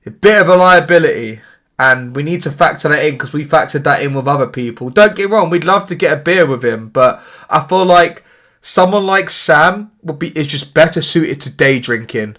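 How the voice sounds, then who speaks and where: A man's voice: on the high side, lively intonation, normal speed, bright, forceful tone. Male co-host, casual stream banter, loose rambling delivery, repeats himself.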